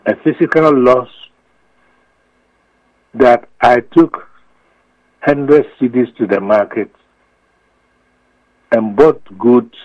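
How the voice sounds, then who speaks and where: A man's voice: mid-range voice, darkish tone. A man with a Ghanaian accent explaining his views emphatically and with repetition, as an expert guest in a radio interview. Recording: muffled, echoey radio feed.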